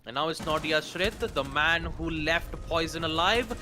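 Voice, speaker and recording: A man co-casting a live shooter-game match, animated and wordy, with colorful turns of phrase. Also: a little high, moderate pace, music in the background. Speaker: esports co-caster. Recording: game gunfire and clicks clearly audible behind.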